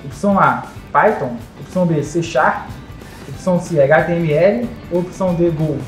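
A woman's voice: low-pitched, moderate pace. A Brazilian woman hosting a quiz, reading out questions and answer options. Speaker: quiz host. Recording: echoey, light music behind.

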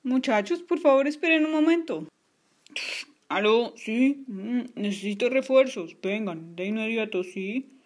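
A woman's voice: on the high side, expressive, measured pace. A woman doing a weary, doubting policeman. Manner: tired, doubtful, mumbling. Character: weary, skeptical male police officer. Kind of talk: toy story voice acting.

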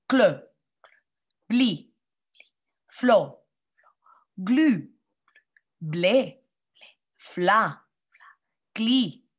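Slow woman teaching phonics. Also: medium pitch. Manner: slow, clear, pauses for children to repeat. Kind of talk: slow phonics lesson for children.

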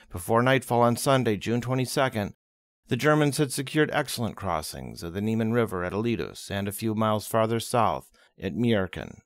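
A man reading a history book aloud as an audiobook, expressive and dramatic, closely recorded. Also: lowish voice, no echo. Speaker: audiobook reader.

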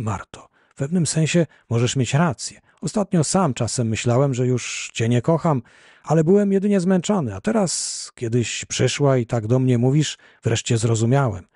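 A man's voice: mid-range voice, lively intonation, moderate pace, dark tone, no echo, studio quality. A man reading an audiobook, voicing a heartbroken, weary husband who begs his wife to stay. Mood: imploring. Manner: imploring, weary. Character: heartbroken ill husband, desperate.

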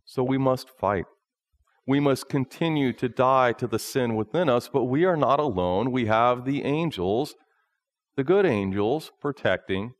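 A man in his thirties, a pastor preaching a sermon from a lectern in a small church, in a slow, measured delivery. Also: mid-range voice, no room sound, studio quality. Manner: slow, measured preaching, often reading from notes.

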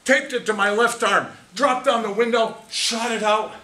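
A camera several meters away records an American speech contest competitor in his sixties as he performs a theatrical tall-tale story for a live audience. His high, pushed, bright voice keeps fairly even intonation, dramatic and emphatic with deliberate pauses. The small indoor meeting room sounds echoey, with faint noise.

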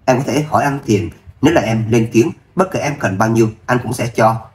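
A man voicing a calm, composed young husband in an audio novel reading. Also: mid-range voice, brisk, a little hiss or hum, close to an everyday voice. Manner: calm, even.

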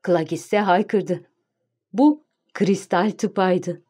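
A woman reading an audiobook in calm, measured scripted narration. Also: fairly low pitch, breathy edge.

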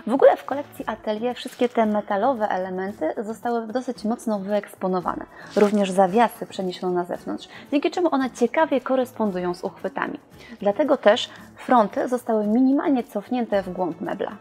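In a furniture showroom, a young woman presents and reviews the pieces with a clear, explanatory, scripted delivery. Her medium-pitched voice is brisk and a little mellow, with soft music playing in the background.

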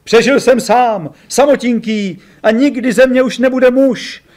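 A man voicing a boisterous, theatrical male mountaineering companion who declaims grand jokes in high, loud outbursts. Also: sing-song. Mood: mock-tragic.

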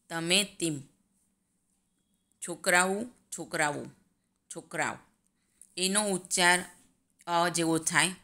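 A woman teacher giving a grammar lesson, reading out word lists slowly and deliberately. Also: fairly low pitch, bright, forceful tone. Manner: slow, reads word lists aloud deliberately.

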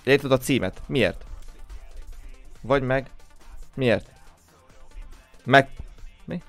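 A man's voice: mid-range voice, soft background music. A young man hosting a game livestream, just woken up, greeting viewers one by one in casual chat. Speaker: livestream host.

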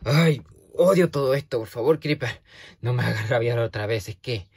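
A man chatting to a silent companion in a halting, nervous way, stammering and restarting often, with sudden yelps. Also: mid-range voice, a little mellow, breathy edge, no echo, studio quality. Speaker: video creator talking to a toy character. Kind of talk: casual one-sided chat to a silent companion.

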